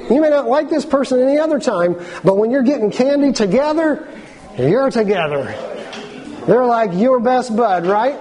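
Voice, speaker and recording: High-voiced pastor leading an interactive sermon. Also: male voice, darkish tone, rough recording. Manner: engaging, asks the congregation to repeat lines; slows down to stress key phrases.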